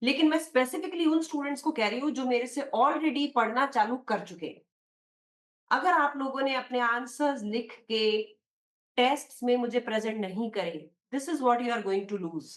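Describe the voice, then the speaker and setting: A woman teacher with an Indian accent, giving an exam prep lecture in a mix of Hindi and English, explaining slowly and quizzing her students. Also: a little high. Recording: echoey room.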